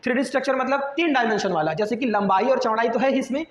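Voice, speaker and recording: A man's voice: extremely high pitch, fast talker. A man teaching a math lesson, often putting a question to the class and then answering it himself. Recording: echoey room with long reverb.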